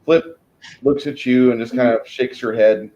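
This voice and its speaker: A man narrating a tabletop fantasy game as game master, improvising haltingly with pauses to find his words. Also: medium pitch, fairly even intonation, mellow, lo-fi sound. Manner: halting, pausing mid-sentence to search for words.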